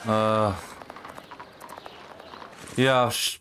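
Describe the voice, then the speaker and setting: A man's voice: on the low side, flat delivery, drawn-out words, fairly bright tone, slight background noise. A man streaming a game with casual commentary, muttering to himself as he finds his way.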